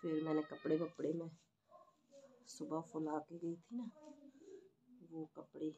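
A woman's voice: low-pitched, flat delivery, a little slow, mellow, highs cut off. A woman in her thirties chatting cheerfully to viewers in a casual daily vlog. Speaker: vlogger.

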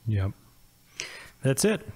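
A man's voice: very slow, darkish tone. A man with a Midwestern accent co-hosting a theology discussion podcast and reading quotations aloud with small asides. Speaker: podcast co-host.

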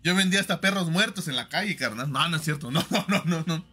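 A man's voice: a little high, animated, quick pace, bright, forceful tone, slightly rough, soft background music. A young man with a Mexican accent chatting on a livestream, giving joking, slangy advice to viewers with lots of fillers. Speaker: livestream host.

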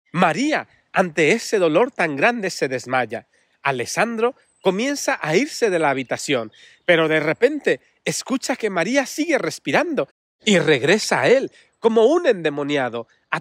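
Expressive priest telling a saint's story. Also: male voice, sits high, no room sound, studio quality. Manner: dramatic, sorrowful storytelling. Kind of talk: storytelling sermon.

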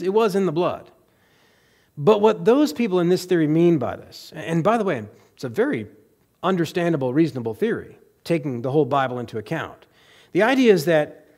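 A middle-aged man preaching a sermon, emphatic, pausing often and posing rhetorical questions. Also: a little high, darkish tone.

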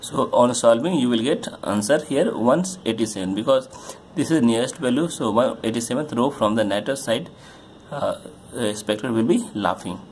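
Male chemistry tutor, halting delivery full of fillers, average pitch, light background hiss. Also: a little mellow. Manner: halting, many uh fillers, pointing at a diagram. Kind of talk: explaining a solved problem on a board.

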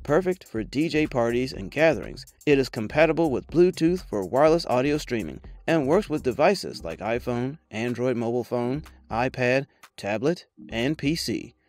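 Over background music, a man delivers a polished, promotional product review voice-over from a script. His medium-pitched voice is a little mellow and animated, moving at normal speed with few pauses.

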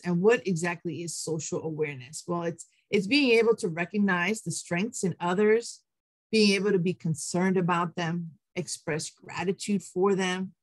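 A woman with a slightly low voice presents an interactive online workshop. She is encouraging and affirms participants as she guides them. The sound is close and dry, from a computer mic. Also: no echo. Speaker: teacher trainer, webinar presenter. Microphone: computer mic on an online call.

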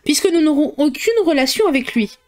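A woman reading a novel aloud, voicing a fretful, excitable middle-aged mother with a shrill, fussy, complaining manner. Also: normal speed. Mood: querulous.

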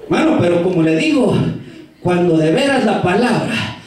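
A man's voice: sits high, lively intonation, moderate pace, darkish tone. A male pastor preaching a fervent sermon, calling out to the congregation again and again. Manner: fervent, repeatedly calling out "hermano". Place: church. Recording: echoey church from far off.

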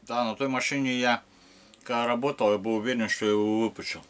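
A man's voice: medium pitch, steady tone, fast talker, a bit bright, smooth. A man vlogging casually while eating, speaking with his mouth full in a plain, plaintive way. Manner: plain, plaintive talk about debts. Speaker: mukbang vlogger.

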